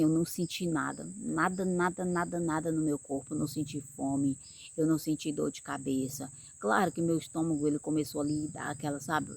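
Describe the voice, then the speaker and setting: A woman's voice: low voice, gravelly, a little mellow. A woman from Brazil giving an informal sermon in a conversational way, often repeating words and asking her listeners if they follow. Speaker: preacher.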